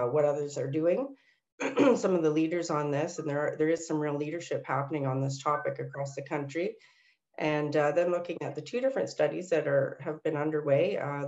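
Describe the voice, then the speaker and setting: A woman's voice: low-pitched, a little mellow, muffled recording. Nasal-sounding woman hosting a webinar. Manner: frequent ums and uhs, asks for next slides. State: recovering from illness, nasal. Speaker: senior city policy planner hosting a workshop. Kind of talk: webinar presentation.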